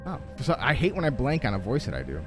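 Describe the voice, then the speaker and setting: A man's voice: mid-range voice, huge pitch swings, quick pace, over music. A man casually bantering and narrating as game master of a tabletop roleplaying game.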